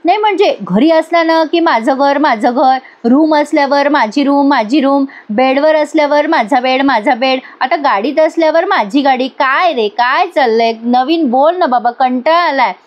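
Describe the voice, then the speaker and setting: Feisty young woman sculptor voiced by a woman, indignant, scolding, high voice, dull lo-fi sound. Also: normal speed, few pauses, lightly acted. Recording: dull lo-fi recording.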